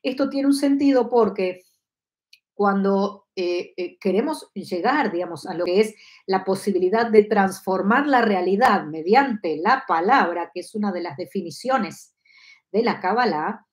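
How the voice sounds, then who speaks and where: A woman's voice: medium pitch, a little slow. Argentine woman teaching a live lesson. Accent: Argentine Spanish. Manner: explanatory, asks listeners for agreement. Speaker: Kabbalah teacher. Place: home study with bookshelves. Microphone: lapel mic.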